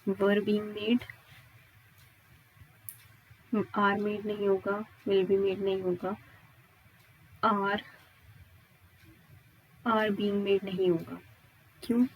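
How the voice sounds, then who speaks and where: Over phone-quality sound, a husky, mid-range female voice with an Indian accent draws out her words in a level tone and pauses often. She's teaching an exam-prep grammar lesson step by step, regularly checking comprehension with questions and tags.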